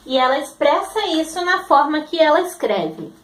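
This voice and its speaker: A woman teacher with a very high voice explains a lesson with patience. She stretches out words and sounds out their syllables slowly. The room around her adds a noticeable echo. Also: very animated. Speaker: literacy teacher. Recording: roomy echo.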